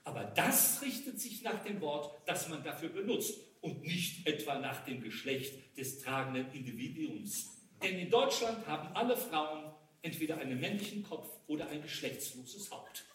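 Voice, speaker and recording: A man reading a comic text aloud on a cabaret stage, with an amused, lively delivery. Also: on the high side, moderate pace, slight background noise. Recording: roomy live recording from a distance.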